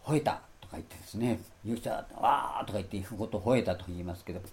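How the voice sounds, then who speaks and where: A man giving a Bible lecture in a rambling sermon style, stressing his points and loudly acting out the phrases he quotes. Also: on the low side, racing. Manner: rambling, repeats himself. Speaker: Bible teacher.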